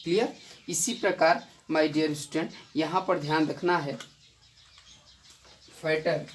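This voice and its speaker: A male English grammar teacher giving a classroom lesson, repeating key points and quizzing his students with quick rhetorical questions. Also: fairly high pitch, steady tone. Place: coaching institute classroom. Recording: echoey room, distant mic, faint noise.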